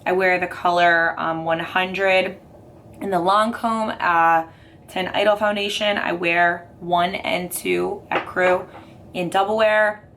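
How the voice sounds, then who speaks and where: A young woman with a hoarse, raspy voice from a cold, chatting casually through a makeup review with lots of fillers. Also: on the low side, steady tone, slow pace, fairly bright tone, a little hiss or hum. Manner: chatty, rambling with many fillers. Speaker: beauty vlogger.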